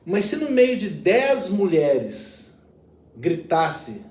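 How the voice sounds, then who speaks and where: A man speaking as a pastor in a relaxed conversational reflection, his voice high and very animated. He explains earnestly and leans on everyday examples. The sound is roomy and he sits a little away from the mic. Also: extremely slow, distant mic.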